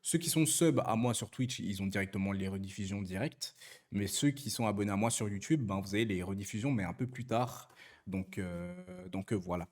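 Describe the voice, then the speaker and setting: A man's voice: fairly low pitch, expressive, moderate pace. Young man chatting on stream. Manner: chatty, joking, reads and answers chat messages, many fillers and self-corrections. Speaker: Twitch streamer. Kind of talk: casual live-stream chat with viewers.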